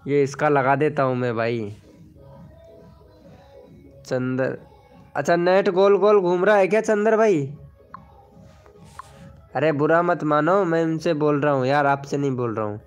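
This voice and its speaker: A man's voice: on the high side, a little slow, long pauses, clear, resonant tone. A man hosting a casual live stream, chatting with viewers and reading out their names and comments. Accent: Hindi. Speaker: live stream host promoting channels. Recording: faint background music.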